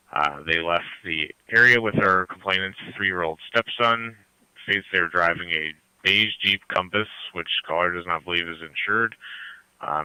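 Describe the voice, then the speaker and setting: A man with a low, very bright and crisp voice speaks as an emergency dispatcher over a scanner radio. He relays details in coded jargon, matter-of-fact and a little halting. The sound is dry. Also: no room sound, poor audio. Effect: two-way radio transmission. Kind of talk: police radio dispatch with codes.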